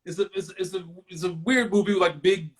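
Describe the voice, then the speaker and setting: A man hosts a live video chat in a loose, rambling way, full of fillers and restarts. His voice sits a little high for a man, and it comes through a video call. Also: fairly even intonation, a little fast, a bit bright. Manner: reads out viewer comments. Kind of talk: casual conversation.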